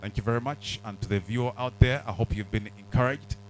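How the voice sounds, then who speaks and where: A man hosting an event, thanking guests and speaking to viewers in a deliberate way with fillers. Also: medium pitch, faint music behind, poor audio. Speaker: host.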